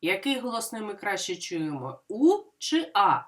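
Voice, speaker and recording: A woman preschool teacher from Ukraine giving a literacy lesson to small children, saying words slowly and clearly, asking questions and answering them herself. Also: medium pitch, big pitch swings, fairly bright tone.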